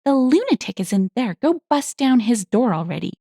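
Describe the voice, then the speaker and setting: A woman's voice: big pitch swings, normal speed, creaky, breathy edge, no echo, studio quality, exaggerated voice. Woman voicing an entitled screaming accuser. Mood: accusing, shrill. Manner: shrill and accusatory. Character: angry entitled woman accusing a stranger of theft.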